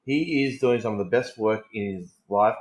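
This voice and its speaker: Male podcast co-host, fairly low pitch, echoing room, keen and informal fan conversation. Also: moderate pace. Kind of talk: casual wrestling chat. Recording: roomy, echoing voice recording.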